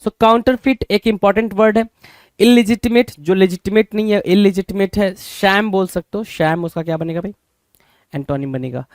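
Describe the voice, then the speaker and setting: Indian accent, man, high voice, chatty teacher, dry sound. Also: moderate pace, no echo. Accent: Indian English. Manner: chatty, asks and answers own questions; mixes Hindi and English words. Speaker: vocabulary teacher. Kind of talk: exam-prep vocabulary lesson.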